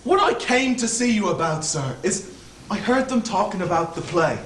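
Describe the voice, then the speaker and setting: A man's voice: high-pitched, expressive, moderate pace, fairly bright tone, slight background noise. A young man playing a fawning, anxious convict in a stage play, stammering and rambling, heard from far off on an echoey stage. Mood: nervous rambling. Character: fawning anxious male Irish convict hangman. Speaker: student actor.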